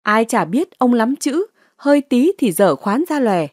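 A woman's voice: a little high, sing-song, unhurried, dry recording, clean studio sound. A woman narrator voicing an angry, blustering male village headman. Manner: blustering, threatening.

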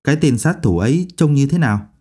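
A man's voice: mid-range voice, lively intonation, fast talker, darkish tone, natural voice. A man voicing a nosy young classmate firing eager questions.

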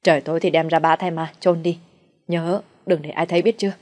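A woman's voice: low-pitched, steady tone, a little fast, a little mellow, no echo, lightly acted. A woman voicing a harsh old master of the house who scolds angrily. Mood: angry scolding.

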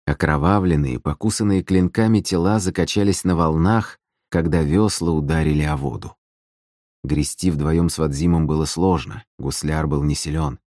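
A man narrating an audiobook in an expressive, scripted storytelling manner. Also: very deep voice, moderate pace, no echo, clean studio sound.

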